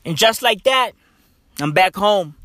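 A man talking like a frat bro in a casual vlog, full of slang and swearing, repeating catchphrases with animated, drawn-out emphasis. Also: sits high, very noisy. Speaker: vlogger. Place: inside a car.

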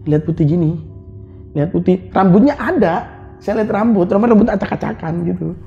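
A man who works as an online motorbike taxi driver, telling his experience in a casual, animated way, repeating himself and acting out sounds. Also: sits high, a little fast, vocal fry. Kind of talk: casual spoken storytelling. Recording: dull lo-fi sound with faint music.

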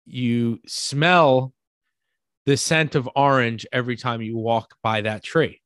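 With a mid-range voice and a slow delivery, a New York-accented podcast co-host walks through ideas in a relaxed, chatty style. He leans on everyday examples, checks in often with "right?", and the sound is dry with no echo from the room.

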